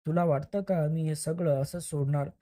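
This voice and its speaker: A man's voice: a little high, steady tone, normal speed, mellow, lightly acted. A man reading a mocking armed thug. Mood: menacing. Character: menacing armed male criminal.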